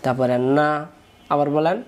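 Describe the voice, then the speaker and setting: A man with a Bangladeshi Bengali accent teaches Quran recitation rules in a spoken lesson, patiently drilling syllables and having his pupils repeat after him. His voice is fairly high and slightly mellow, with fairly even intonation at normal speed.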